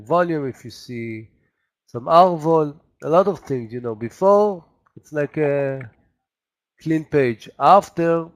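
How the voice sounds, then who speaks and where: A man who is not a native English speaker, a day trader talking casually and haltingly as he thinks aloud through live trades. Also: mid-range voice. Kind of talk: casual live trading commentary.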